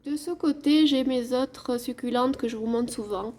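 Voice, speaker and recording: A woman's voice: fairly high pitch, moderate pace, mellow. A woman chatting casually in a home vlog, showing her plants to viewers. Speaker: gardening vlogger. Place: at home by a window.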